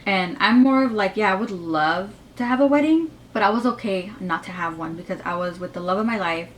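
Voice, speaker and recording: A woman's voice: medium pitch, a little fast, a little hiss or hum, poor audio. A woman in her twenties with a slight lisp from braces, chatting casually in a rambling Q&A vlog with lots of fillers. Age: 20s. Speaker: YouTuber.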